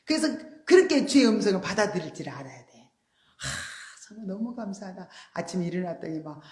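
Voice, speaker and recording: A woman pastor preaching a sermon in an animated, emphatic way, often acting out quoted voices. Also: mid-range voice, a little fast, reverberant. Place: church.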